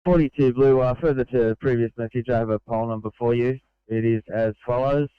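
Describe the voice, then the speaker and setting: A man's voice: medium pitch, steady tone, fairly quick, clean tone, no echo. A man, an emergency field responder, making clipped two-way radio calls with frequent "uh" fillers, heard over a walkie-talkie. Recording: dull lo-fi radio audio.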